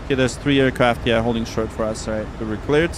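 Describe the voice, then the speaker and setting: A man's voice: medium pitch, fairly quick. A man hosting a live stream as an airline pilot, giving casual running commentary mixed with radio callouts. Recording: steady engine-like hum behind voice.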